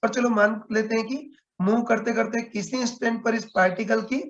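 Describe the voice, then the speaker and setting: A man's voice: very high voice, steady tone, fairly quick, dull audio. A man teaching a physics class online, explaining step by step and checking in with students often. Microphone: video call.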